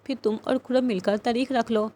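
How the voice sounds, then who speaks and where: A woman's voice: a little high, steady tone, a little mellow, lightly acted. A woman reading a cheerful elderly grandmother. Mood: pleased. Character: elderly grandmother, warm and pleased.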